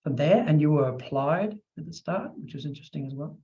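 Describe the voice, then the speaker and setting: A middle-aged man hosting an interview podcast, chatty and animated, acting out little quotes as he talks. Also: fairly high pitch, fairly quick. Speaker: podcast host. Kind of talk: casual interview chat. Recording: dull lo-fi sound.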